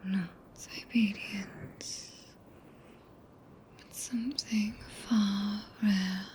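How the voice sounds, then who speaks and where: A British woman voicing a tender, possessive, regal witch in a breathy, intimate whisper for an ASMR roleplay, speaking archaic English close to the microphone. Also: mid-range voice, fairly even intonation, a little hiss or hum. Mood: solemn, devoted. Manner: slow, hushed, intimate, solemn. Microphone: close binaural microphone.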